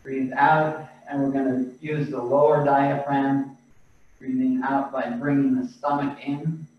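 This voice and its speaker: A man leading a qigong exercise class over a video call, giving calm, patient breathing cues. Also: medium pitch, measured pace. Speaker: qigong instructor. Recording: echoey distant video-call audio, dull and lo-fi.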